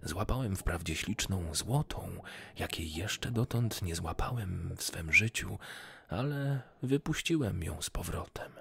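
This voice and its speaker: A man doing a gentle dreamy fisherman. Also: low-pitched, expressive, measured pace, gravelly, slightly rough, pitched above the performer's own voice, exaggerated voice.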